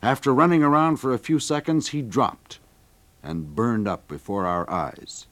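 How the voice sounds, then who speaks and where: A man's voice: medium pitch, unhurried, a bit bright. A man narrating a dramatic historical account as a documentary narrator, reading with rising intensity at vivid moments.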